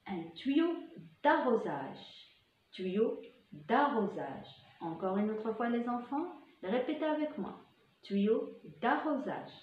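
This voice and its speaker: Woman, kindergarten teacher, very slow repetition of words, echoey classroom, slightly muffled recording. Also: a little high, expressive. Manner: slow, drawn-out repetition of single words for children to echo. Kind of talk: vocabulary lesson for young children. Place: school classroom.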